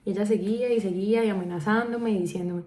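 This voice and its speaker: A woman with a Colombian accent telling a personal story in a casual vlog, animated and acting out the dialogue she quotes. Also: mid-range voice, quick pace, reverberant. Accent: Colombian Spanish.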